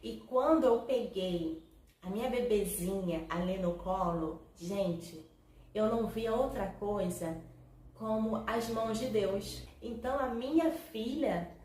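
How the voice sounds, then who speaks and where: A woman's voice: medium pitch, slow pace, darkish tone. A woman in her thirties from Brazil, telling her own story to camera in a chatty, emotional way and often turning to her viewers. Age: 30s. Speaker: vlogger. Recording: echoey room.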